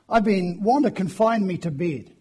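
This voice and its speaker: A man, preaching a sermon in a church, hoarse after the flu and chatty in a self-deprecating way. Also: high voice, dark tone. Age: 50s. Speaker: guest preacher.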